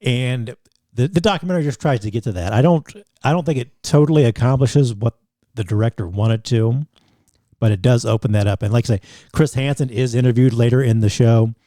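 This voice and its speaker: Mellow-voiced man rambling on a podcast. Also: mid-range voice, brisk, dry recording, studio quality. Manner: rambling, many restarts and fillers. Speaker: podcast co-host. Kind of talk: casual chat.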